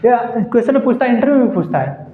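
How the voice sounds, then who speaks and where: High-voiced male teacher in an echoey classroom. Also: big pitch swings, racing. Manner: explains patiently, constantly checks with "ठीक है". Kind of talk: classroom geography lesson. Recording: echoey room, tinny phone-like sound.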